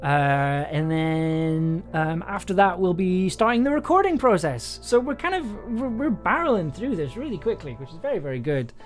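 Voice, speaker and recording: Soft music plays behind a young man livestreaming from a desk in a small indoor room. The audio drama maker sounds weary, rambling and breaking off his own thoughts with hesitation. His high voice swings widely in pitch at a moderate pace, with hardly any pauses.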